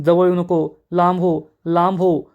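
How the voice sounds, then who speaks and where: A man's voice: sits high, level tone, a little slow, lo-fi sound. A man voicing a frightened, ruthless woman boss in a retold serial scene, with panicked, repeated cries. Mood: terrified.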